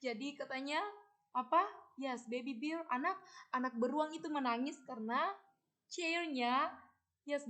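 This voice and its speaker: A woman teacher with a high, bright-sounding pitch reads a children's storybook slowly, stretching out her phrases. She stops often to translate lines and ask her listeners what words mean, then answers herself. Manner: drawn-out, emphatic reading. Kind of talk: bilingual storybook lesson.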